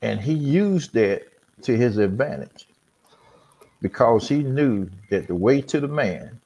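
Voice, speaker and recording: A man's voice: medium pitch, expressive, takes it slowly, mellow, husky, highs cut off. A man hosting a casual Bible discussion, teaching in a conversational way. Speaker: podcast host.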